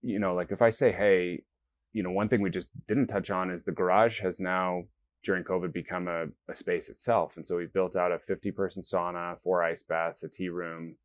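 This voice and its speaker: This is a man with a notably deep, low voice, speaking in an interview. He explains things earnestly and step by step, slipping into quoted self-talk along the way. The sound is close and dry, with no room echo. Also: fairly even intonation, normal speed. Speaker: guest, company founder. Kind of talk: interview conversation.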